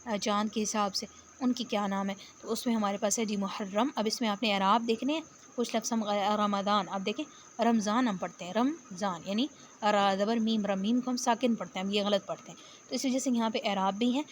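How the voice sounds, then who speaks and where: Patient woman teaching slowly. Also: medium pitch, steady tone, a little hiss or hum. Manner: patient, explains step by step and repeats words slowly. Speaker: Arabic teacher. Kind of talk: spoken lecture.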